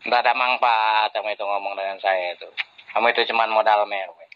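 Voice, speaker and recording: A man's voice: on the low side, fairly even intonation, a little fast, smooth. A man in a heated online debate, mocking his opponent and laughing between jabs. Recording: muffled lo-fi voice chat audio.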